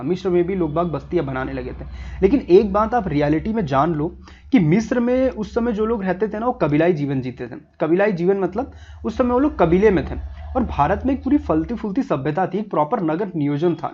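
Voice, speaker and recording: A man's voice: high voice, a little mellow, dull audio. A man teaching a history lesson over a map, in a casual, chatty way, talking straight to the viewer.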